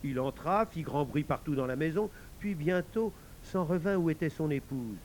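A man narrating a folk tale in a slow, deliberate, scripted telling. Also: fairly high pitch, a little mellow, a little hiss or hum. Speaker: storyteller.

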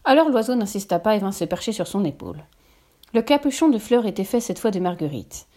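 A woman reading a children's storybook aloud in a gentle, lively narration. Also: mid-range voice, brisk.

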